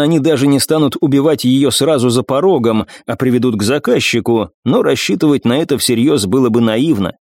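A man narrating an audiobook in an even, measured way. His voice sits at a middling pitch. The recording is dry and close, with no room echo. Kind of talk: scripted narration.

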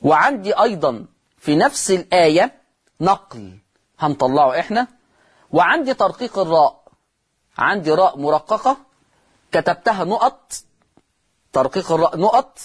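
A man with an Egyptian accent teaching Quran recitation rules on a broadcast lesson, repeating key words, asking and answering his own questions, and drawing out example words slowly. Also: sits high, very animated, slightly rough.

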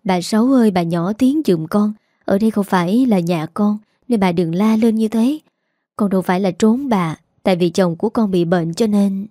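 A woman voicing a gentle young daughter-in-law who speaks softly and politely. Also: medium pitch, moderate pace, no room sound, studio quality, close to an everyday voice.

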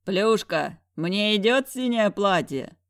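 An audiobook reader voicing a huge bearded man, loud and hoarse, who proposes marriage. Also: on the high side, moderate pace, no echo, clean studio sound, natural voice. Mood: playful shouting.

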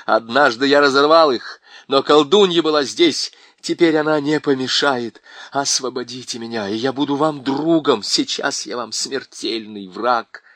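A man's voice: medium pitch, normal speed, fairly bright tone, no room sound, close to an everyday voice. A man voicing a desperate, bewitched young knight who pleads urgently and at times rages. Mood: intense pleading.

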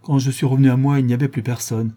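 A man's voice: medium pitch, level tone, fast talker, dark tone, lightly acted. A man voicing a wounded farmhand who sounds weak and shaken and pleads for help. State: weak and injured. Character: wounded, desperate male farmhand.

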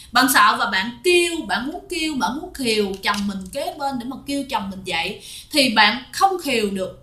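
A woman's voice: on the high side, sharp tone, roomy sound. A woman narrating a ghost story in a chatty way, speaking straight to her listeners and acting out the quoted lines. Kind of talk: conversational storytelling.

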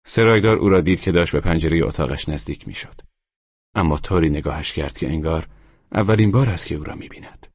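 A man narrating an audiobook novel in a measured, even storytelling manner. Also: very deep voice, breathy edge, no room sound. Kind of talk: scripted literary narration. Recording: muffled lo-fi audio.

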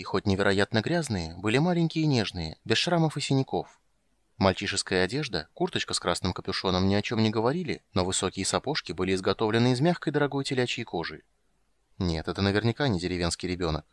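A man reads a fantasy audiobook aloud in a steady, measured way. His voice is on the low side, and the recording is close and dry. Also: no echo. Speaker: audiobook narrator. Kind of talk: scripted narration.

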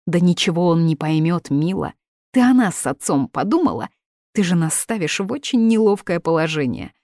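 Woman reading stern middle-aged mother, reproachful, indignant, low voice, dry close sound. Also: expressive, moderate pace, darkish tone, dry recording, natural voice.

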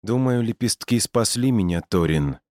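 A man voicing a troubled young woman in a storybook reading, speaking softly and quietly. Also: lowish voice, expressive, normal speed, dry recording, studio quality, voice pushed up, natural voice. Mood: hushed, regretful. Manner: soft, hushed delivery.

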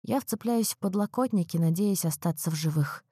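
A woman reading a first-person audiobook in an emotional, expressive way. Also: on the low side, fairly quick, breathy edge, no room sound, studio quality. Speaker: narrator. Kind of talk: audiobook narration.

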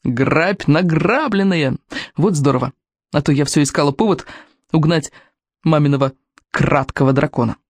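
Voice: medium pitch, moderate pace, no echo, close to an everyday voice. A reader voicing a bold, reckless young girl who talks in a brash, breezy way. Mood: excited.

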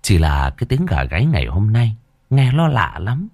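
A male storyteller with a deep voice narrates a horror tale, his pitch rising and falling in a lively, dramatic way. The recording is dry and close to the mic, with no room sound. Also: normal speed, no room sound.

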